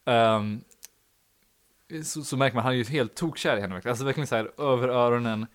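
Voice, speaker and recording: Young male podcast host, rambling anecdote, fillers galore, mid-range voice. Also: medium pitch. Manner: rambling, filler-heavy, laughs at own story. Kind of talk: casual anecdote telling.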